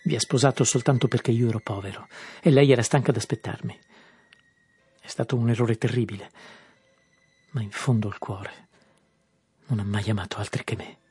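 A man voices a proud, lovesick young man. He speaks in a hushed, husky, breathy tone with quiet insistence. The sound is dry and close. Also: mid-range voice, fairly even intonation, moderate pace, long pauses, no echo, soft background music. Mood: intense. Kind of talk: audiobook reading.

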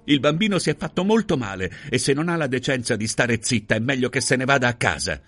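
A man's voice: lively intonation, fairly quick, slightly rough, faint music behind. A man playing a screaming, furious housewife. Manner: screaming, shrill. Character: furious older housewife, fierce and protective.

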